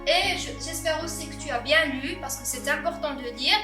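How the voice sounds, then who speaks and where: A woman's voice: sits high, moderate pace, reverberant, recorded from a distance, music in the background. A young woman teacher correcting a primary-school reading exercise, patiently spelling out words letter by letter. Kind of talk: slow classroom exercise correction.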